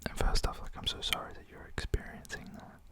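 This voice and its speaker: A man doing a rambling, casual ASMR chat in a soft, breathy whisper close to the mic, with a gentle, informal, reassuring manner. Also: brisk. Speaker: ASMR creator.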